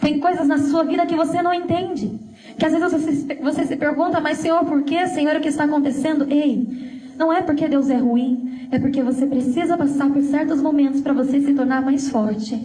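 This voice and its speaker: A woman's voice: high voice, normal speed, warm tone, far from the mic. A woman giving a sermon testimony, telling her story earnestly and speaking straight to the congregation. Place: church. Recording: echoey church room.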